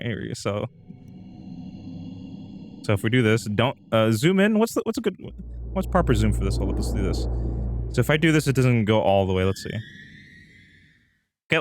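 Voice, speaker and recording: Talking straight to his viewers, a man hosts a live stream full of casual chat, rambling and repeating himself. His medium-pitched voice swings widely, runs a bit fast and includes long pauses, with slight background noise present.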